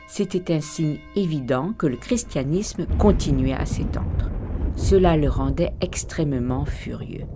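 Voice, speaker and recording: A woman narrating a folk legend in a calm, even, scripted storytelling manner. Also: sits low.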